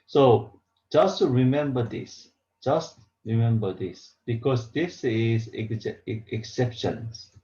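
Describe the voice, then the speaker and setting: Slow, mellow man teaching. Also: mid-range voice. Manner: halting, repetitive, simple English explanations. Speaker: Korean language teacher. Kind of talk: beginner pronunciation lesson. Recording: roomy echo, dull lo-fi sound.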